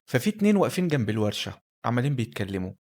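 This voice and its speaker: Man, egyptian arabic accent, personal storytelling, candid and conversational, very fast talker. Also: mid-range voice, big pitch swings, a little mellow. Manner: candid, conversational, talks straight to the listener.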